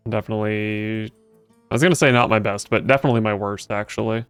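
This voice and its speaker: A man commentates casually on his own gameplay in a smooth, clean voice. He is dry and sardonic, muttering strategy aloud, with faint game music behind him. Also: on the low side, fairly even intonation, fast, fairly bright tone, no echo. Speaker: game streamer.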